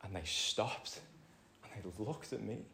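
A man with a British accent preaching a sermon in a conversational way, calling the congregation "folks" and swinging between loud emphatic lines and soft quiet asides. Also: on the low side, measured pace, creaky. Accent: British English. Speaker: pastor. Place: church hall. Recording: roomy church hall with faint ambience.

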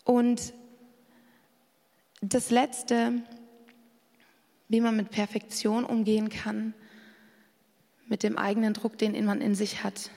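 A woman's voice: medium pitch, little pitch movement, takes it slowly, vocal fry, pauses often, dark tone. A woman giving a candid, personal sermon, often acting out the voices she quotes. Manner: candid, self-revealing, acts out quoted voices. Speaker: preacher. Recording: long reverb of a hall.

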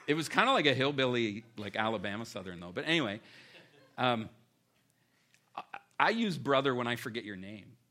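A man preaching a sermon as pastor, with animated emphasis that keeps dropping to quiet, earnest stretches. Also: medium pitch, brisk, pauses often.

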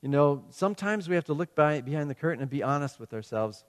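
Middle-aged preacher in a reverberant hall. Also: male voice, a little high, lively intonation, fast. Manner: conversational storytelling with quoted asides. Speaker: pastor. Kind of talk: sermon.

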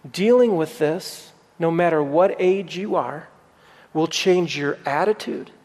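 A man's voice: fairly high pitch, slow pace, a little mellow. A middle-aged man preaching a sermon as pastor, earnest and repeating phrases for emphasis. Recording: long hall reverb.

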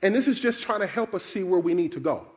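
A fast-talking preacher with a high-sitting voice animatedly fires questions at his congregation during a sermon, calling on them for answers.

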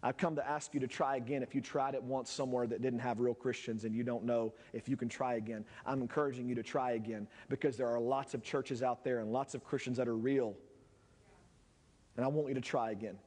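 A man's voice: medium pitch, steady tone, brisk, a little mellow, slightly rough, long reverb tail. A man preaching a sermon as pastor in his church, impassioned and repetitive, building to fervent peaks. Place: church sanctuary.

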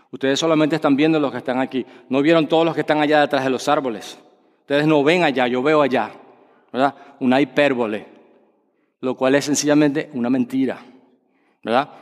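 A man preaching a sermon, projecting his voice and asking the congregation rhetorical questions. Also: fairly high pitch. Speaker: pastor. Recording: long reverb of a church hall.

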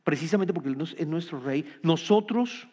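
Preacher, male, slightly high voice, earnest sermon delivery with repeated phrases, recorded in a reverberant hall. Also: animated, moderate pace, dark tone. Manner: earnest, repeats key phrases, restarts words. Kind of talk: Bible-study sermon.

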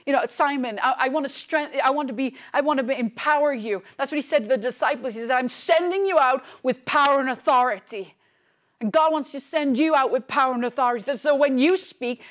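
A woman in her thirties, a pastor preaching a fervent, emphatic sermon and repeating phrases for stress. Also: high-pitched. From Wales.

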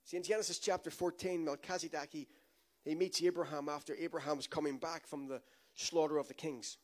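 Preaching briskly in a fairly high voice with fairly even intonation, a pastor delivers an emphatic sermon. He repeats phrases and calls out to the congregation, drawing call-and-response.

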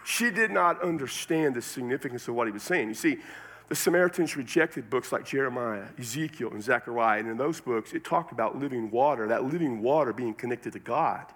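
A Texas pastor with a Texan accent preaches a folksy, conversational sermon full of colloquial phrasing. His medium-pitched voice is a bit bright with a breathy edge.

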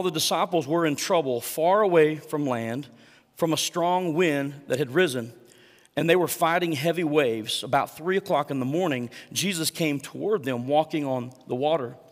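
A man's voice: fairly high pitch, moderate pace, in a large hall. A male pastor preaching a sermon, reading scripture aloud with dramatic emphasis and asking the congregation for responses.

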